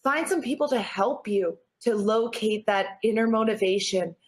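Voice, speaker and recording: Born in Newfoundland and raised in Nova Scotia, Canada, a woman with a medium-pitched voice talks at an ordinary speed. She's an interview guest and natural athlete who comes across earnest and encouraging in a motivational conversation.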